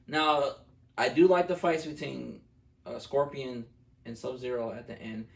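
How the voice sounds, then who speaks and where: Steady and mid-range, a little slow, with vocal fry, this man co-hosts a casual movie review conversation. He talks informally with strong opinions and frequent repetition for emphasis, captured on a distant, roomy mic with faint noise.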